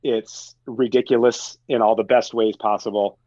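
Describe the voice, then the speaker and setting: A man's voice: lowish voice, normal speed, dry recording. Chatty man laughing through film talk, dull dry sound. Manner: animated, laughs often, acts out quotes. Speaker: podcast guest. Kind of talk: casual film chat.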